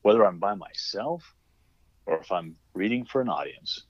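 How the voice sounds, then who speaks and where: A man's voice: deep voice, lively intonation, moderate pace, slightly rough, no echo, highs cut off. A man who writes novels, talking as a podcast guest in an earnest, emotional, reflective way. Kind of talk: casual podcast interview.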